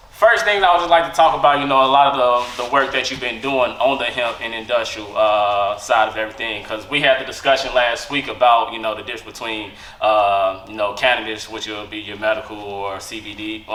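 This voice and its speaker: A farmer hosting a podcast speaks in an earnest, casual way, filling gaps with "you know" and "uh." His voice is on the low side and a bit bright. He sits far from the mic in an echoey room.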